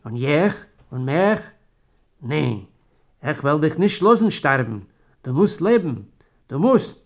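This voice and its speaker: A man voicing a grieving wife who pleads loudly and desperately with her dying husband. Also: on the high side, normal speed, voice pushed up, lightly acted. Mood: desperate pleading. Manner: loud and pleading.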